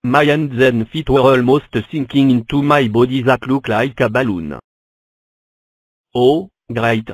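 Casting: man as anxious cartoon block creature, unhurried and halting, stilted, very dry sound. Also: mid-range voice, dry recording, close to an everyday voice. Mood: distressed. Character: worried number-block creature inflating like a balloon. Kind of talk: fan animation character monologue.

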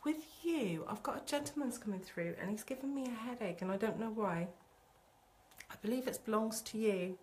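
A woman with a slightly high voice talks as a psychic medium on a live stream. Her manner is chatty and excitable, and she keeps calling her viewers sweetie. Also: moderate pace, slight background noise. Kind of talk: live-stream spirit reading.

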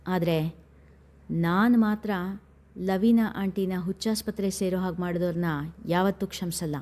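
Brief: woman reading a menacing, brooding male gang boss in an audio story; low, mellow delivery. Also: steady tone, moderate pace, natural voice. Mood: vengeful. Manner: threatening, heavy and brooding. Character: scheming menacing older brother, male gangster boss.

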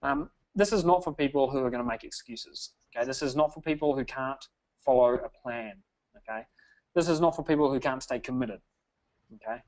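A native English-speaking man hosts a sales webinar, sounding upbeat and salesy and often tacking on "okay?". His voice is mid-range, and the recording quality is low.

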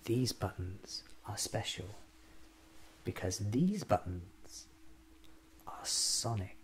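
A man in his thirties playing a whimsical, eccentric time-traveling doctor musing aloud in soft-spoken, deliberate ASMR roleplay. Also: fairly low pitch, lively intonation, slight background noise. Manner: deliberate, musing, often near whisper.

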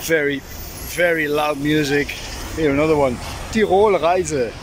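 At a measured pace, a middle-aged sailing vlogger talks casually and explains DIY work over outdoor noise. The setting is a harbor boatyard and his boat's deck, filmed on a handheld camera at arm's length in a noisy recording with background rumble.

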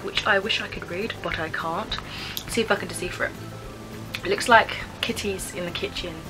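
A woman's voice: mid-range voice, poor audio. A British woman in her twenties giving casual, chatty taste-test commentary, thinking aloud with some hesitation. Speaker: vlogger reviewing snacks. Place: small bedroom, indoors.

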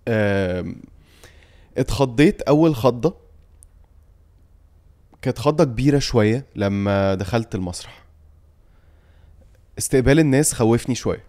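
A man's voice: mid-range voice, expressive, normal speed, long pauses, mellow. A young Egyptian man telling a story vividly and emotionally, with emphatic repeats, as a guest on a podcast. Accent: Egyptian Arabic. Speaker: guest singer and actor. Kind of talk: animated storytelling in a podcast chat.

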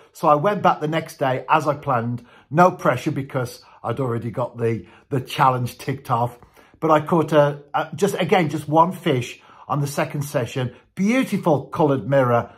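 A British man in his fifties, a radio guest and angling vlogger, chats enthusiastically and casually about fishing on a radio call from his living room, wearing headphones. His voice is slightly high and a bit bright, with a breathy edge.

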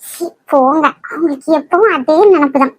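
A woman plays a shy young wife in a cartoon who is expecting a baby. She talks coyly and bashfully in a very high, bright voice, recorded dry and close. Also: normal speed, no echo, natural voice. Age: young adult. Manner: coy, bashful. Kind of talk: cartoon voice acting.

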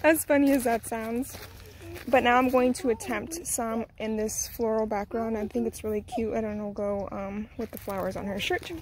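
Under a garden tree, a young woman vlogger and mother shares tips in a casual outdoor vlog, chatty, a touch flustered and slightly breathless. She speaks at a moderate pace with fairly even intonation, except when she coaxes her toddler in a high sing-song. The audio carries a faint hiss or hum.

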